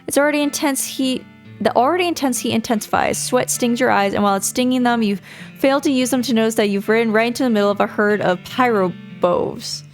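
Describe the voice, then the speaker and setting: A woman's voice: a little high, fairly quick, faint music behind. A woman doing casual video game playthrough commentary, reading the on-screen text aloud and adding her own remarks.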